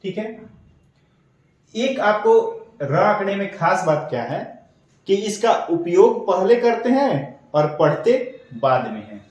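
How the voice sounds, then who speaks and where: A man's voice: sits high, very animated, takes it slowly, heavy reverb, recorded from a distance, poor audio. A man teaching an online shorthand class, explaining step by step and checking in often. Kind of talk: online lesson.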